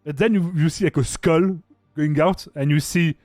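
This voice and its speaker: A man's voice: fairly high pitch, moderate pace, a little mellow, no echo, clean studio sound. A man narrating a tabletop game as game master, casual and rambling, laughing often.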